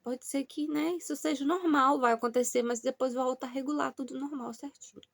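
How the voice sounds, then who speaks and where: A careful, gentle mother speaks softly and with delicacy, as her daughter puts her on. The voice is a little gravelly and sounds close and dry, with no room around it. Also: sits high, steady tone, brisk, dry recording, voice pushed up, exaggerated voice. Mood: gentle, serious. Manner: soft, hushed, delicate delivery.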